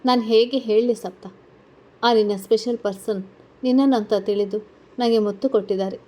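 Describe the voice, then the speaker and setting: A woman's voice: fairly high pitch, fairly even intonation, moderate pace, warm tone, natural voice. A woman voicing a tearful, guilt-ridden young college woman in a read-aloud story, asking anxious questions. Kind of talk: storybook character reading.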